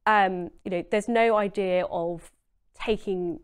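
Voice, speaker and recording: A woman's voice: medium pitch, fairly even intonation, slow pace, clear, resonant tone. A woman, speaking earnestly and emphatically as a guest in a conversational interview, often saying "you know". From Essex, England. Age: 20s.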